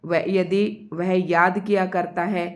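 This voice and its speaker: A woman's voice: lowish voice, steady tone. Woman teaching grammar, patient and repetitive. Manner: explains step by step, repeats example sentences slowly; addresses students directly. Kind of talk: online grammar lesson.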